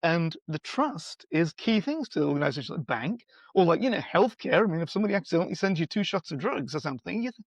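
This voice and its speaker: A middle-aged man speaking as a guest expert in a conversational podcast interview, animated and acting out quoted dialogue with playful voices. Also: fairly high pitch, quick pace, breathy edge, no echo. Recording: slightly dull, dry sound.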